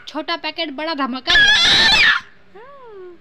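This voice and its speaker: A woman's voice: sits high, expressive, moderate pace, very noisy. A young woman filming her baby outdoors under the trees, chatting to the camera and coaxing the child in a sing-song voice. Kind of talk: casual home vlog, talking to camera and baby.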